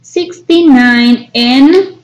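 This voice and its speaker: A woman English teacher leading a slow counting drill in an online class, patiently saying each number clearly. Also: high-pitched, roomy sound, highs cut off.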